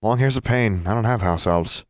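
A man's voice: lowish voice, moderate pace, no room sound, clean studio sound, close to an everyday voice. A man voicing a blunt, matter-of-fact teenage witch girl in an audiobook.

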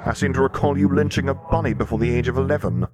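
A man voicing Death as a calm, ancient male figure who speaks grandly and with light amusement, in a storybook reading. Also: mid-range voice, fast talker, voice pushed up, close to an everyday voice.

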